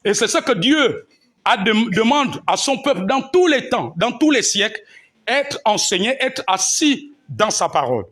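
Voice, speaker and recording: A man's voice: high-pitched, big pitch swings, measured pace, a bit bright. A man delivers a church teaching. He speaks emphatically, stopping often for amen and alleluia. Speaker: pastor. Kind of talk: sermon teaching.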